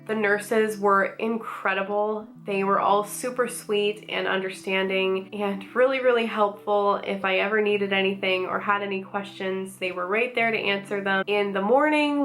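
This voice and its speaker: A woman's voice: mid-range voice, a bit bright. A woman telling a personal story in vlog style, articulate and matter-of-fact, with light wry understatement. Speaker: vlogger.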